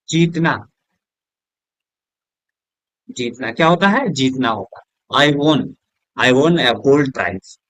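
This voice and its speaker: A man with Hindi-accented English, teaching a lesson at a board, asking questions and answering them himself, softer and lower on each answer word. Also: dry recording. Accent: Hindi-accented English words. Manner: drops low and soft on the answer words; keeps checking with "is that clear?".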